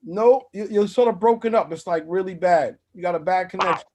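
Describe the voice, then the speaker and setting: A man's voice: high voice, a little fast, noisy background. A man hosting a podcast over a video call, talking in a laid-back, easygoing way. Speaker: podcast host. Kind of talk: casual podcast chat.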